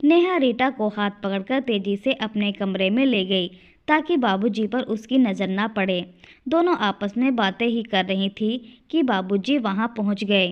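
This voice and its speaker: Woman narrator, emotional storytelling, mid pitch, muffled lo-fi recording. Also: lively intonation, measured pace.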